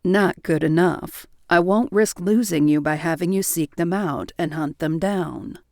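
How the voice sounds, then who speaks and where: A woman's voice: fairly low pitch, a little slow, darkish tone, dry recording, studio quality. A woman voicing a fierce, protective young woman shifter who speaks firmly and pleadingly to her mate. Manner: firm, pleading.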